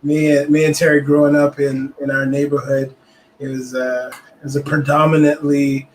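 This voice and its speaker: A man co-hosting a casual talk show, speaking reflectively with many pauses and fillers. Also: fairly high pitch, level tone, slight background noise, rough recording. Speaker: podcast co-host. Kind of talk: casual conversation.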